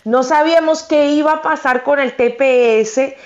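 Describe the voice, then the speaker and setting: Woman lawyer guest, upbeat and expressive, slightly high voice. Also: normal speed, highs cut off. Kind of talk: radio interview.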